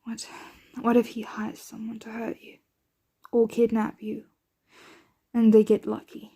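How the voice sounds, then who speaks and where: In an ASMR roleplay, a woman plays a protective, doting but anxious vampire mistress, speaking breathily and often in a whisper with formal, measured diction. Her voice is medium-pitched and warm, the performance heavily acted, and she sounds worried and vulnerable.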